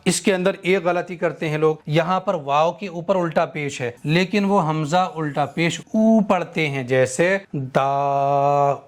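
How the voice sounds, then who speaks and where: A man teaching a Quran recitation lesson, explaining patiently step by step and slowly drawing out the recited examples. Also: a little high. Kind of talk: tajweed lesson.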